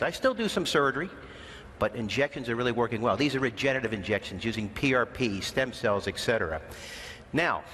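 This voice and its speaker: A man giving a conference lecture as a physician, brisk and informal, talking to the audience as "guys". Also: mid-range voice, fairly bright tone. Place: large conference hall. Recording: long hall reverb, faint noise.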